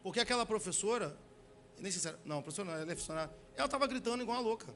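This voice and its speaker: A man preaching a sermon as a pastor with a Brazilian Portuguese accent, talking in restarts and rhetorical questions, then slowing and swelling on key phrases. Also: high-pitched, animated, a bit bright, slight background noise.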